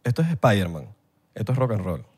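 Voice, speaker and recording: A man's voice: on the low side, very animated, fairly quick, darkish tone, husky. A young man hosting a podcast in casual chat, slangy and playful, often quoting people in put-on voices.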